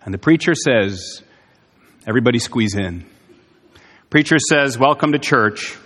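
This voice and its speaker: A man's voice: medium pitch, animated, measured pace, fairly bright tone. A man preaching a sermon, earnest and emphatic, asking his congregation rhetorical questions. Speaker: pastor. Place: church sanctuary. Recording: long hall reverb.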